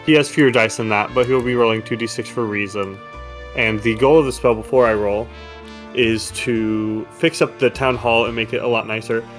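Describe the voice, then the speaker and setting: A man's voice: mid-range voice, normal speed, soft background music. A man running a tabletop game as game master, narrating and explaining rolls in a loose, rambling way. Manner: relaxed, rambling, laughs easily.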